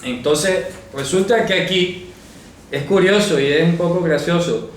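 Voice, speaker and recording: Spanish-speaking man teaching in an echoey room. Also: fairly high pitch. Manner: spells out Hebrew phrases slowly, checks understanding with "¿ya?". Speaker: Bible teacher. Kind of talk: Bible study teaching. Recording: echoey room, mic far off, faint noise.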